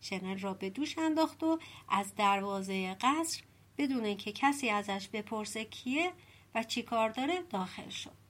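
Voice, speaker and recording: A woman reading a folk-tale audiobook in an even storytelling voice. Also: a little high. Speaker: audiobook narrator.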